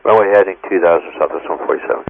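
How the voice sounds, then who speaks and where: A man's voice: low-pitched, racing, vocal fry. A man speaking as an airline pilot over a cockpit headset radio, making clipped, procedural calls. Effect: aircraft radio transmission. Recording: tinny narrowband cockpit radio, faint static.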